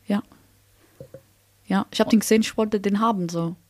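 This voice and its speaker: A woman's voice: mid-range voice, moderate pace, no echo. Chatty woman, dry close sound. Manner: chatty storyteller, lively and blunt. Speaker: podcast co-host. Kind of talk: casual chat.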